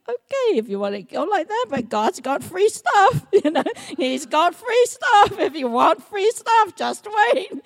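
A middle-aged woman from Samoa giving a personal testimony sermon, telling stories in a lively way and acting out quoted speech. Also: high voice, vocal fry. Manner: lively storytelling, acts out quotes, laughs often. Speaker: preacher.

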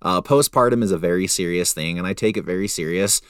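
A man's voice: low-pitched, fast talker, smooth, no echo, studio quality. A young man co-hosting a podcast, joking around and rambling with hesitant fillers. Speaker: podcast co-host. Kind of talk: casual chat.

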